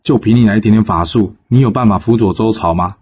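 A man's voice: on the low side, fast talker, breathy edge, dull audio. A man voicing a scheming, boastful male immortal who coaxes and brags, in a told folk story. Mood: coaxing, boastful. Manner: wheedling, boastful, shouts.

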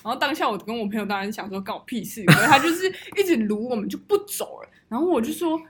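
A young woman with a Taiwanese Mandarin accent, co-hosting a podcast and telling a story in an animated way, swearing and laughing often. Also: a little high, fast, a little hiss or hum. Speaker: podcast co-host. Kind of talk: casual chat.

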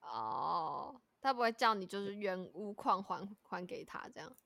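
A woman's voice: medium pitch, very animated, measured pace, vocal fry, a bit bright, no room sound. A woman co-host, asking curious questions in casual chat. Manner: curious, reacting with short questions. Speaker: podcast co-host.

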